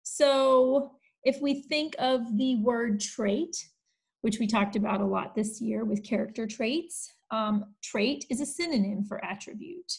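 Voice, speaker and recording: Slow, patient woman teaching a math lesson. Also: a little high, creaky, darkish tone, poor audio. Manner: patient, explains step by step with frequent "right?" checks. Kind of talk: recorded distance-learning math lesson.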